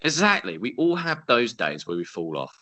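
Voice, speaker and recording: A man in his 20s co-hosts a casual podcast from home, sounding upbeat, encouraging, and chatty. His medium-pitched voice is very animated and sharp in tone, delivered at normal speed with no room sound.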